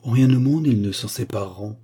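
A man's voice: medium pitch, a little fast, mellow, slightly rough. A man voicing a shy, hesitant young widowed mother in a romance story read aloud. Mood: bashful. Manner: hesitant, modest.

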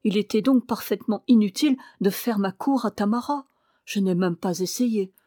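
A woman's voice: mid-range voice, moderate pace, dark tone, no room sound, natural voice. Earnest, pleading young man, voiced by a woman narrator; storybook reading, dry sound. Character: lovesick young man, weak but hopeful.

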